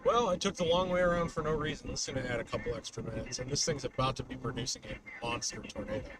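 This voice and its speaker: A man with a mid-range voice talks fast while livestreaming as a storm chaser from a moving car, chatting casually and off the cuff and often trailing off mid-thought. The car is noisy, and his webcam mic sits at a distance.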